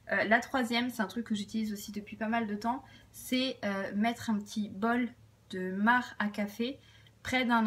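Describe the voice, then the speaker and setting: A woman's voice: medium pitch, a bit bright, recorded from a distance. A woman chatting casually about household tips, rambling with many fillers and self-corrections. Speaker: vlogger sharing household tips. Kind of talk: casual chat to camera.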